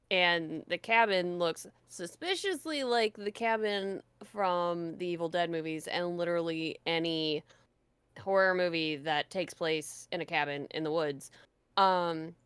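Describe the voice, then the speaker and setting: A woman's voice: lowish voice, a bit bright, clean tone, dry recording. A woman co-hosting a casual movie podcast, who rambles along with many fillers and restarts. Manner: rambling, unhurried, hesitant with fillers. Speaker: podcast co-host.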